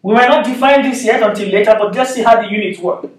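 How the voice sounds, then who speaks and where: A man in his thirties with a Nigerian accent teaches a physics lesson at a classroom whiteboard indoors, going step by step and regularly asking "okay?". He talks at a quick pace in a high voice. The far camera makes him sound distant in an echoey room, with a little hiss or hum.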